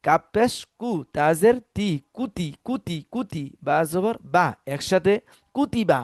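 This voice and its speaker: Male Quran teacher for a repetition drill: slow, patient syllable calls, recorded dry. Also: high voice, lively intonation, no room sound. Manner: slow drilling, repeats each syllable several times; prompts listeners to repeat after him.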